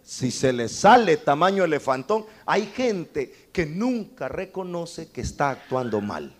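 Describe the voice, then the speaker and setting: A man's voice: very animated, a little slow. A man preaching a sermon, impassioned, speaking directly to the congregation as brother and breaking into humorous asides. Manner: impassioned, with sudden leaps to high cries and humorous asides.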